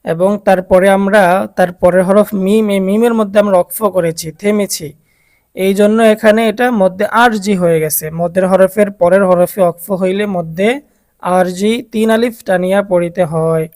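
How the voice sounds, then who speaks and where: A Quran reading teacher speaks with a Bangladeshi Bengali accent at an unhurried, patient pace. The voice sits in a middle pitch and walks through each rule step by step. Key points are repeated, and the teacher asks the learners questions along the way. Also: fairly even intonation, a little mellow. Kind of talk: recorded step-by-step lesson.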